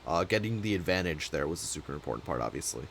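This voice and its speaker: A man hosting casual commentary on a card game match, chatty and relaxed. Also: rumbling low, fast talker, creaky, slight background noise. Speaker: caster, host.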